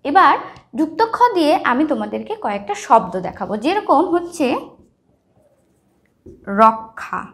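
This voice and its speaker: Lively high-voiced woman teaching. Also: a little fast. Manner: explains step by step, checks often with the listener. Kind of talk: lesson on writing and pronunciation.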